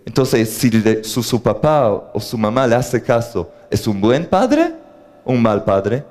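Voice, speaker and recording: Animated man teaching on faith. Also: medium pitch, a little slow. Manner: animated, asks the audience questions, jokes. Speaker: religious teacher. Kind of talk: lecture on faith to a live audience.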